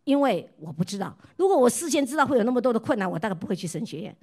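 A middle-aged woman from Taiwan preaches a sermon mixed with her own testimony. She keeps asking her listeners questions, and her voice often drops soft and quiet as she tells her stories. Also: fairly high pitch, very animated, very fast, breathy edge. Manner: asks the listeners repeated questions. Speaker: pastor's wife preaching.

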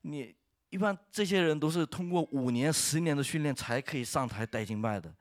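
A man, a worship leader, giving an earnest church testimony, telling his story with laughs and halting restarts. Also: a little high, lively intonation, dry recording, clean studio sound.

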